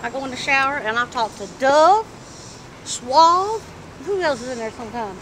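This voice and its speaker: A middle-aged woman chatting candidly in a street interview, animated and talkative, in an outdoor parking lot. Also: high-pitched, moderate pace, low-quality recording. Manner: animated, chatty, acts out quoted voices. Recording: street noise in the background.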